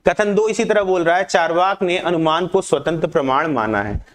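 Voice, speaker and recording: A man teaching an online exam-prep lesson, reading questions aloud and urging students to answer quickly. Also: fairly high pitch.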